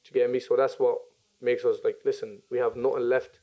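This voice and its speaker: A man in his twenties from Syria, chatting as a podcast guest and often pausing with ums and restarts. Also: medium pitch, little pitch movement, warm tone. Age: 20s. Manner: hesitant, many ums and restarts. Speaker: podcast guest, business owner. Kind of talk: casual interview chat.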